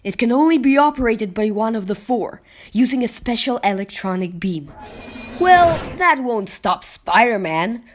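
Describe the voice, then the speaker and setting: A woman's voice: on the high side, lively intonation, normal speed, a little hiss or hum, lightly acted. A woman voicing a brash, wisecracking teenage boy superhero who thinks aloud dramatically in an amateur comic-book dub. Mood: cocky. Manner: brash, talks to himself dramatically.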